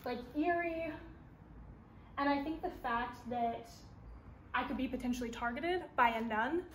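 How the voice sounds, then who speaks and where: A woman's voice: high-pitched, a little slow, a crowd in the background. A young woman hosting a paranormal vlog, talking in a chatty, jittery way inside an abandoned hospital. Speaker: vlog host. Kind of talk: casual paranormal vlog chat.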